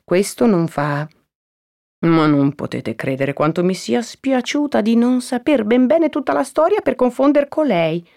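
A woman's voice: a little high, animated, a little slow, creaky, dark tone, pitched above the performer's own voice. Woman doing a gossipy village mother. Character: shrewd village mother chatting with a neighbour.

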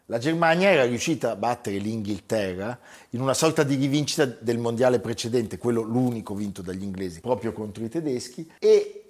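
A man telling football history conversationally on a talk show, emphatic and pausing for effect on key words. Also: mid-range voice, expressive, a little mellow.

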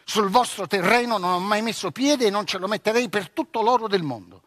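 A man's voice: sits high, fairly quick, fairly bright tone, dry recording, studio quality, pitched above the performer's own voice. A man reading aloud voices a proud, touchy young noble boy who boasts indignantly.

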